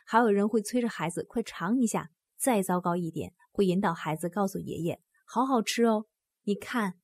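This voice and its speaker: A woman with a husky, slightly breathy voice narrates a book summary in a scripted way. She talks earnestly and turns to the listener with direct questions. The sound is dry and close, with no room around it. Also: medium pitch, darkish tone, no room sound.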